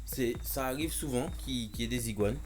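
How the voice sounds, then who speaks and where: A young man talking casually over clips in a YouTube reaction video, cracking jokes and tossing in sarcastic asides. His voice sits at an ordinary middle pitch. Soft music plays faintly behind him. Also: moderate pace. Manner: joking, sarcastic asides, many filler "hein".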